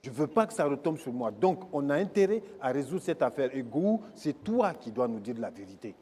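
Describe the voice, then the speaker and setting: A man in a comedy sketch playing a fussy parliament president who takes offense quickly. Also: medium pitch, very animated, warm tone, breathy edge. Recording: long reverb of a stage hall.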